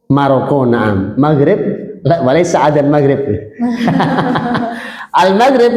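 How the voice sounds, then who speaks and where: Man, lecturer, slightly high voice, mixes Arabic into his teaching, echoey classroom. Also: a little mellow. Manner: mixes Arabic phrases into Indonesian, asks the class questions.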